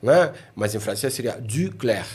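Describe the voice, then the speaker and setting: Middle-aged man from Chile, low husky voice, talkative podcast guest with constant tag questions. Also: normal speed, darkish tone. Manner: chatty, ends phrases with tag questions. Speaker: mountaineering guide, podcast guest. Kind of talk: casual podcast conversation.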